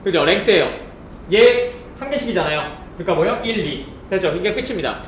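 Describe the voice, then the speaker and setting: A man lectures on programming in a high, lively voice, firing off rhetorical questions and checking again and again that his students follow. The sound is roomy, with faint keyboard typing behind him. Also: fairly quick, slight background noise. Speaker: programming instructor. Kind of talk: live coding lecture.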